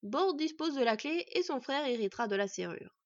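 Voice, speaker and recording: A woman voicing a proud old male dwarf blacksmith with booming, emphatic exclamations. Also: animated, a little fast, no echo, lo-fi sound. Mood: solemn.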